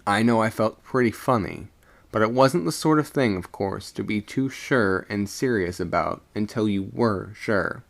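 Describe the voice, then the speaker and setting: A man voicing a chatty, puzzled ship's third mate in a storybook reading, conversational and halting as he recounts what he saw. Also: on the low side, creaky. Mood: uneasy, wondering. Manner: conversational, halting, self-correcting. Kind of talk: first-person storybook narration.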